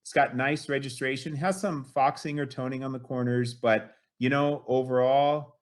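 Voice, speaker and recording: A man in his late fifties, appearing as a guest collector on an interview show, chats casually with a steady tone at normal speed in a mid-range voice. He's enthusiastic and rambles at length, sprinkling in plenty of "you know".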